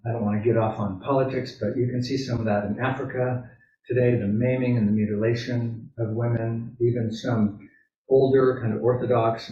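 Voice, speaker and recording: Pastor guy giving a chatty sermon w/ lots of asides, sounds far off, muffled and echoey. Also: fairly low pitch. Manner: conversational, rambling with asides and self-corrections. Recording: roomy, distant, dull church PA recording.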